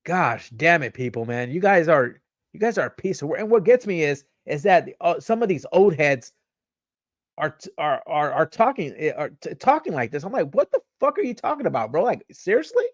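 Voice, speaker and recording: A man's voice: fairly high pitch, animated, moderate pace, no room sound. A young man hosting a podcast, reading news aloud and ranting about it, stumbling over words, repeating himself and swearing as he gets heated. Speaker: podcast host.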